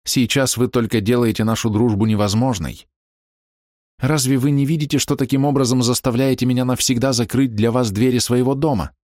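A man's voice: mid-range voice, steady tone, fairly quick, darkish tone, no echo, studio quality, pitched above the performer's own voice, lightly acted. A man reading aloud and voicing an anguished young woman torn by forbidden love, in a raised, pleading voice. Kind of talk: audiobook character reading.

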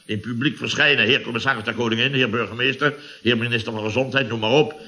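An actor playing a pompous, indignant boss of a building firm in a 1960s radio comedy. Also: male voice, mid-range voice, fairly even intonation, fast talker, sharp tone.

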